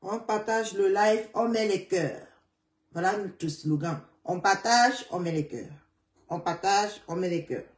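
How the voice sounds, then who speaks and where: A hoarse woman hosting a casual live chat, greeting viewers by name and repeating calls to share. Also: medium pitch, unhurried, far from the mic. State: hoarse, voice partly gone. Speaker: livestream host. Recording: roomy sound, away from the mic.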